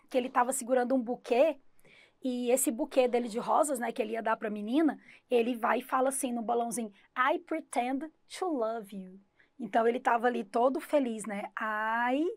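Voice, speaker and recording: Gravelly-voiced woman teaching English. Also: a little high, no room sound, clean studio sound. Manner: explains with rhetorical questions and vivid retold examples. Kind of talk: recorded exam-prep class.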